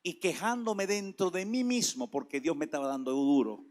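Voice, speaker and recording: Fiery high-voiced male preacher. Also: normal speed. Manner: impassioned, swings from hushed to shouting. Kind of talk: sermon.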